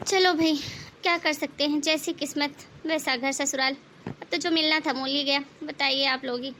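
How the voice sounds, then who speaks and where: A woman voicing a young, overworked daughter-in-law in an animated moral story, speaking in a soft, plaintive, complaining way. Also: sits high, normal speed, a little hiss or hum. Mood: sorrowful. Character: young downtrodden daughter-in-law, weary and gentle.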